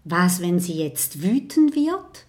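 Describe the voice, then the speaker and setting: A woman narrating a children's audiobook in a calm storytelling manner. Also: fairly low pitch, slow pace.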